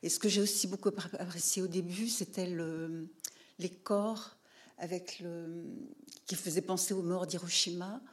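A woman in the audience at a public talk sharing her view hesitantly, with many pauses and fillers, and calling herself shy. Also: on the low side, fairly even intonation. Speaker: audience member. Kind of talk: question-and-answer remark at a public talk.

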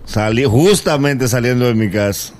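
A man's voice: medium pitch, moderate pace, darkish tone. A man co-hosting a radio show, telling stories with plenty of laughter. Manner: laughing, storytelling. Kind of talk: casual storytelling chat.

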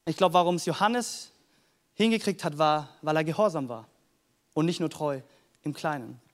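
Pastor, male, high-pitched, earnest, chatty preaching. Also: normal speed. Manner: earnest, conversational preaching with Bible readings. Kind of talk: sermon.

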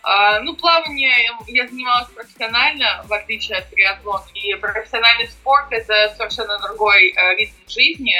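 Her voice sits on the high side, bright and pushed, as she moves briskly through casual interview answers with few pauses. The young former swimmer turned amateur triathlete has a slushy, sh-like s from new braces, and soft music plays behind a low-quality recording.

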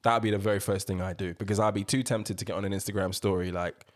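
A man's voice: fairly low pitch, steady tone, fast talker. A man with a London accent in casual banter, teasing his friends with slang and swearing.

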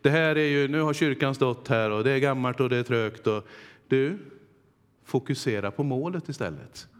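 A man preaching a sermon in earnest, with dramatic pauses, voicing God's words to his listeners. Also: mid-range voice, smooth. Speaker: pastor. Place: church hall. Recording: long hall reverb.

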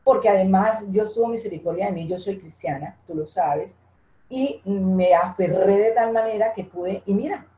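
An older woman talks in a heartfelt, earnest way and circles back over her own phrases. Her voice is mellow and warm. The sound carries a noticeable echo from the room. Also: mid-range voice, moderate pace. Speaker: guest, interviewee's mother. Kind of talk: emotional interview talk.

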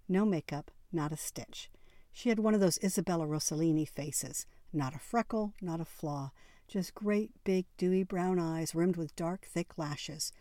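A woman with a lowish voice reads a first-person novel aloud. Her storytelling is intimate and expressive. The recording is close and dry, with no room sound. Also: no room sound. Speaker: audiobook narrator.

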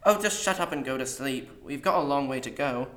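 A man voicing a sharp, evasive young woman who talks down to her captive. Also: mid-range voice, brisk, roomy sound, close to an everyday voice. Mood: curt. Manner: curt and condescending.

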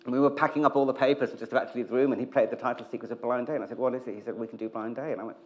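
A man with a mid-pitched voice gives a candid interview as a television executive. He tells anecdotes in an animated way, slipping into quoted conversations as he goes. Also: racing, lo-fi sound.

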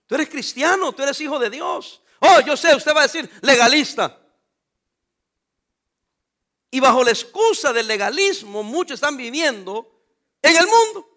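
Man, pastor, sermon, emphatic, bright sharp tone. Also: extremely high pitch, lively intonation, measured pace, long pauses. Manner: emphatic preaching, rhetorical questions to the congregation.

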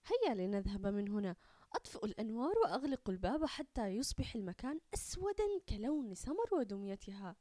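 A woman's voice: medium pitch, very animated, fast, mellow, dry recording, studio quality, natural voice. A woman voicing an arrogant girl who taunts a classmate in a haughty way. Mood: mocking.

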